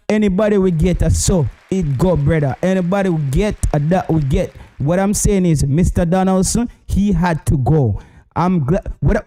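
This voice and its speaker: Man, Jamaican accent, fairly high mellow voice, casual livestream sports host, opinionated, emphatic, repetitive for effect. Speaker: football commentary host.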